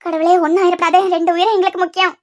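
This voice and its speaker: A woman's voice: extremely high pitch, level tone, racing, darkish tone. Cartoon grandmother, old and anxious, woman voicing; lamenting prayers, Kanyakumari Tamil accent. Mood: anxious praying. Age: older. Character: worried praying old grandmother.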